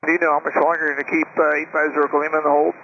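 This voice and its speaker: A man's voice: a little high, little pitch movement, fast talker. A man heard through an aviation radio transmission, trading clipped, matter-of-fact callouts in radio phraseology. The sound is muffled and lo-fi, with a faint hiss running underneath. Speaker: pilot or air traffic controller.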